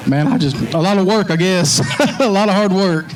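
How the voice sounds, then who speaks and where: A man's voice: high-pitched, lively intonation, moderate pace. A man giving plain, brief, casual answers as a race driver in a post-race interview. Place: outdoors at a speedway. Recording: distant outdoor mic with faint noise.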